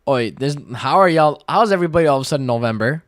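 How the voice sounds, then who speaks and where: Young man, early twenties, laid-back slangy streamer chat, smooth clear voice, dry close sound. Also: a little high, racing, dry recording. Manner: relaxed slangy talk, filler-heavy, reads chat aloud. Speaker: day-trading livestreamer. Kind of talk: casual live-stream chat, answering viewer questions.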